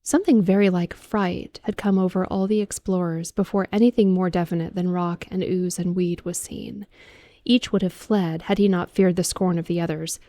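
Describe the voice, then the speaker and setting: A woman reading a horror audiobook as a calm bedtime ASMR narration, soft, measured and deliberate. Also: fairly low pitch, no room sound.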